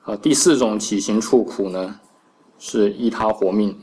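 A Buddhist monk gives a Dharma lecture. He recites each passage slowly, then explains it, with many "ah" fillers. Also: lowish voice, dark tone, low-quality recording. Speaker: Buddhist monk teaching scripture.

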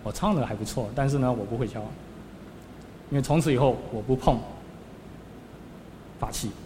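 The Buddhist monk's sermon unfolds at normal speed in a dark-toned mid-range voice, with scenes acted out through sudden rises and falls. Faint background noise and long hall reverb are audible.

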